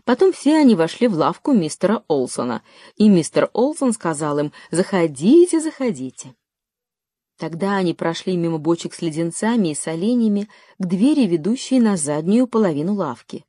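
Audiobook narrator: woman, lowish mellow voice, steady read, dry studio sound. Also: brisk, no echo. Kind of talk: scripted narration.

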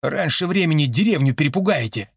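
A man's voice: fairly high pitch, lively intonation, a little fast, gravelly, slightly rough, dry recording, full character voice. A man voicing a restrained male analyst who speaks dryly and curtly. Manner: dry, curt.

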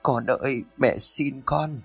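A man's voice: mid-range voice, slow pace, creaky, husky, no room sound, faint music behind, voice pushed up, full character voice. A man voicing a frail bedridden old woman who begs in a thin, broken voice. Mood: pleading.

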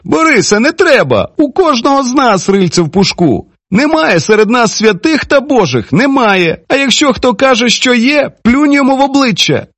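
Stern commanding older woman played by a man, lecturing, lively pitch, dry sound. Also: moderate pace, few pauses, no room sound, exaggerated voice. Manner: forceful, lecturing.

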